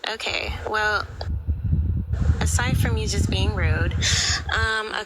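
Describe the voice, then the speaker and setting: A woman with a mid-pitched voice argues as a guest on an online panel. She is defensive and protests in casual language. The connection is very noisy and clicky. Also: slow.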